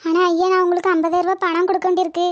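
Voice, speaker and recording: A woman's voice: extremely high pitch, flat delivery, very fast, lo-fi sound. A woman voicing cartoon village women, speaking in an emotional, exclaiming way. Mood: distressed. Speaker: voices most cartoon characters. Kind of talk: cartoon voice acting.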